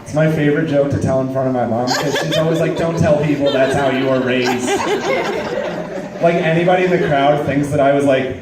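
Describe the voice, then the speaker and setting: A man's voice: medium pitch, steady tone, a little fast, reverberant, far from the mic, heavy background noise. A man in his twenties doing a casual stand-up comedy set, rambling with lots of fillers. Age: 20s. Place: comedy club stage, audience laughing.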